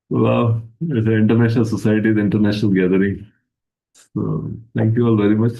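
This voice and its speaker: A man giving a slow, reflective spiritual talk over a video call, lifting his pitch for emphasis. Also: level tone, creaky, dull audio. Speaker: guest speaker.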